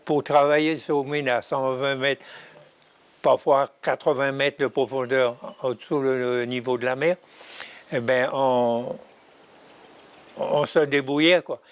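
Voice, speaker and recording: A man's voice: medium pitch, steady tone, unhurried, long pauses, smooth. An older man giving spoken personal testimony about his own working past. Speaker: interviewee, former miner.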